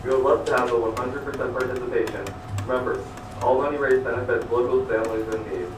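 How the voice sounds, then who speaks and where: A man reading school announcements over an intercom loudspeaker, going steadily through notices and lists of names. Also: medium pitch, fairly even intonation, fast. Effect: heard over a school intercom loudspeaker. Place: classroom, played through a wall speaker. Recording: echoey, distant intercom speaker with noise.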